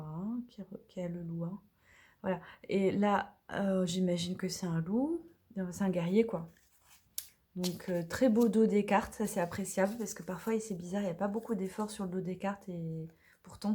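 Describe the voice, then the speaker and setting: A woman with a mellow, warm voice chats through an oracle-deck unboxing. She hesitates often, fills pauses, and sometimes drops to a near whisper while she looks at the cards. Her pitch sits in the middle range for a woman. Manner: chatty, hesitant, many fillers, drops into whispers. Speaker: tarot and oracle card reviewer. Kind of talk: casual unboxing review.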